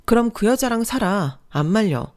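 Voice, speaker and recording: A woman voicing an exasperated young mother who scolds her husband in a sharp, reproachful way. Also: medium pitch, expressive, moderate pace, pitched above the performer's own voice, lightly acted. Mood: indignant.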